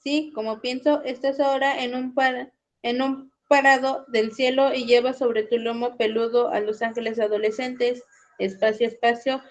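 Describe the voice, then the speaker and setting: A woman student reads an exam question aloud in an online class. She goes through the text carefully and haltingly. Her voice sits fairly high.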